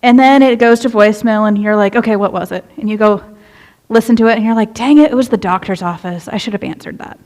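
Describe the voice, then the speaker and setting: Talking fast in a medium, slightly mellow voice, a young female youth minister preaches conversationally in a church sanctuary. She keeps things relatable and chatty, asking the congregation questions.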